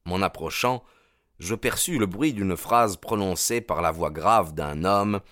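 A man reading an audiobook story aloud in a measured, literary storytelling manner. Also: sits low, fairly bright tone, no echo, studio quality. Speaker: audiobook narrator. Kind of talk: scripted narration.

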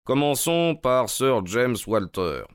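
Man playing a sharp detective, brisk, inquisitive, clear voice, dry audiobook sound. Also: medium pitch, sing-song, no room sound, pitched above the performer's own voice. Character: sharp, quick-minded male detective.

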